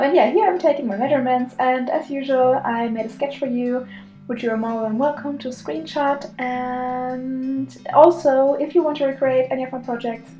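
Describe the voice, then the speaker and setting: A woman with a German accent chatting casually through a sewing tutorial, giggly and full of ums. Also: fairly high pitch. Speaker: sewing vlogger. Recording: echoey room with soft guitar music.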